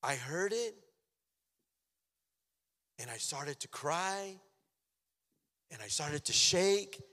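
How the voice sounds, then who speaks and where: A man giving an emotional personal testimony, swinging from loud outbursts to near-whispers. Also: on the high side, expressive, extremely slow. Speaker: testimony speaker. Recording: long hall reverb.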